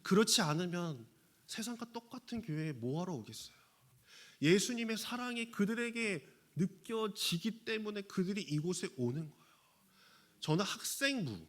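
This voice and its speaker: A middle-aged man preaching a sermon as pastor, moving between conversational storytelling with fillers and earnest emphasis. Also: on the high side.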